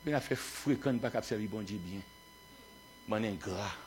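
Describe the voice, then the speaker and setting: A man from Haiti with a Haitian accent, a pastor preaching a fervent sermon that swings between quiet storytelling and shouted exhortation. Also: on the low side, moderate pace, soft background music.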